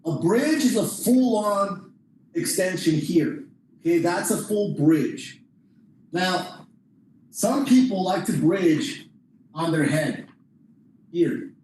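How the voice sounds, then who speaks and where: Male martial arts instructor, high-pitched voice, informal step-by-step demonstration, heard from a distance in a very reverberant room. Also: expressive, slow pace, long pauses, a little mellow. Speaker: jiu-jitsu instructor. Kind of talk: hands-on class demonstration. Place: indoor training room. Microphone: distant camera microphone. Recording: distant mic, very echoey room, faint noise.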